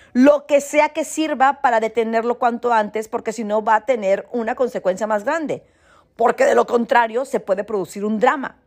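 A middle-aged woman gives parenting advice in casual talk and reads passages from a book, earnestly addressing listeners and often checking in with "¿sí?". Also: a little high. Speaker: mother giving parenting advice.

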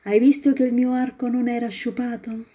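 A woman reading a storybook and voicing a cheeky, mischievous little boy in a high, teasing tone. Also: flat delivery, normal speed, warm tone, close to an everyday voice. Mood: playful.

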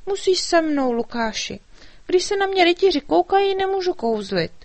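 A woman's voice: big pitch swings, a little mellow, no echo, heavily acted. Markétka, a frantic little fairy done by a woman. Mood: urgent pleading. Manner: high, urgent and pleading. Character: small anxious fairy girl, pleading and bossy.

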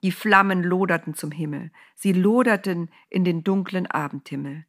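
A woman tells a Bible story for children with a playful, lively touch. Her voice sits low for a woman and has a breathy, husky edge. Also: moderate pace.

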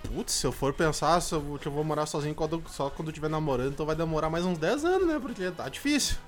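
A young man talks fast and jokes animatedly on a podcast. His voice is high for a man. Faint music plays behind him. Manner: quick, animated joker. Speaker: podcast co-host. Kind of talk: casual chat.

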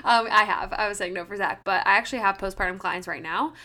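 A woman's voice: medium pitch, fast, pushed and bright. A woman in her late twenties co-hosting a casual podcast as a trainer, chatty and full of "like". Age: 20s. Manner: chatty, fills talk with "like". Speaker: podcast co-host and personal trainer.

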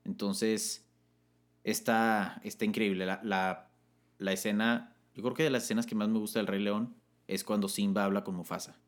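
A young man with a Mexican Spanish accent co-hosting a casual chat, reading listener comments in an upbeat way and laughing often. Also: moderate pace. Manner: upbeat, laughs often, jumps pitch when excited.

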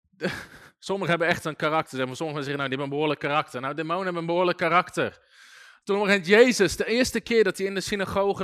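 A man teaching a sermon-style Bible school class, telling stories with lively voices for shouting demons and chuckling often. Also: high-pitched, no room sound, studio quality.

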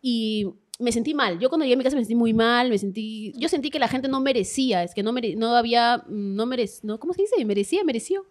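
Animated young woman storyteller. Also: on the high side, fast, few pauses. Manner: animated, swearing, self-mocking storytelling. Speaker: guest comedian. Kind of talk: casual storytelling chat.

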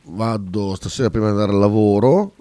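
A man's voice: lowish voice, brisk, mellow, dry recording. A man co-hosting a casual talk show, bantering in a colloquial, mildly profane way. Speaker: radio show co-host. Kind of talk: casual banter with co-host and listeners.

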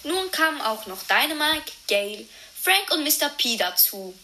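A woman telling a playful story, narrating the scenes and slipping into excited voices for the characters. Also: sits high, normal speed, very noisy. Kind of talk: telling a playful story while voicing the figures.

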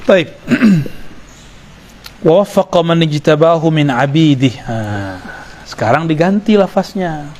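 A man teaching a sufi study circle, relaxed and joking now and then with the listeners around him. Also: a little high, takes it slowly, pauses often. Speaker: religious teacher.

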